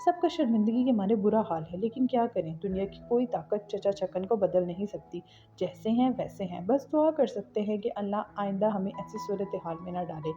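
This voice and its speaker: A woman's voice: mid-range voice, moderate pace, dark tone, lo-fi sound, faint music behind. A woman with a Pakistani Urdu accent narrating a moral story for children in a scripted, storytelling manner.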